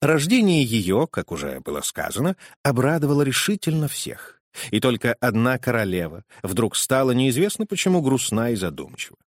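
A man reading a storybook aloud in an animated, theatrical style. His pitch swings widely from low to high, at a mid-level register. The sound is close and dry. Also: normal speed, dry recording. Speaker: audiobook reader. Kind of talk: expressive storybook narration.

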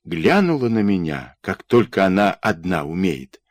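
A man's voice: sits low, big pitch swings, unhurried, no room sound, studio quality, heavily acted. A man doing a jovial, bantering young soldier. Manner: teasing, folksy banter. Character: jovial boastful young male Red Army soldier.

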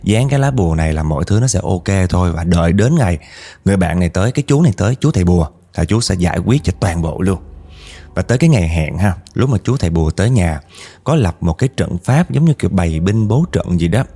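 Man, lowish mellow voice, casual storyteller, gets animated quoting people. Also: quick pace, breathy edge. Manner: animated, rises in pitch when quoting angry speech.

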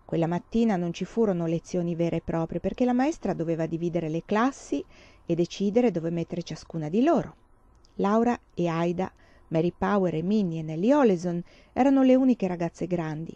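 A woman narrating a storybook aloud in a calm, measured way. Her voice is mellow and dark. The recording is dry and a little dull. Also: lowish voice, dry recording. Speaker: reader.

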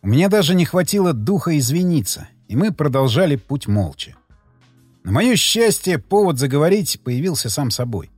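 Expressive male storyteller over soft music. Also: fairly high pitch, normal speed, breathy edge, dry recording. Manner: tense, expressive reading. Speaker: audiobook narrator. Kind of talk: dramatic first-person narration. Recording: dry close mic with faint music.

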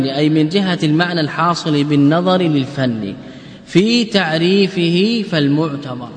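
Man, scholar lecturing a class, fairly high voice, asks and answers his own questions, long ringing hall reverb. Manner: questions the students and answers himself; repeats words and restarts while explaining. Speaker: Islamic scholar teaching a class. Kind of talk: classroom lecture on jurisprudence and grammar. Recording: echoey hall recording.

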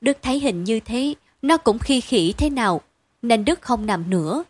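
A woman's voice: fairly high pitch, husky. Woman reading a story aloud. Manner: even, measured narration. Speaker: narrator.

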